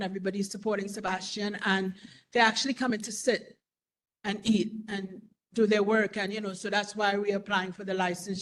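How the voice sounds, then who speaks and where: A woman's voice: mid-range voice, rough recording. A woman in her forties, a restaurant owner, speaking at a community meeting in an earnest, rambling way with many "you know"s. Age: 40s. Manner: earnest, repeats herself, fillers like "you know". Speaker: restaurant owner applying for a license. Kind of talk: public comment at a community meeting.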